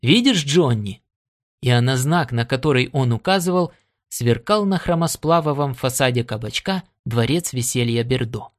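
A man reading an adventure audiobook aloud in steady storytelling narration. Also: medium pitch. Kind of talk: scripted narration.

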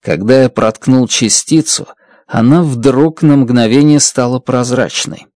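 A man reading a first-person story as an audiobook narrator, lively and expressive. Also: mid-range voice, measured pace, dry recording, clean studio sound.

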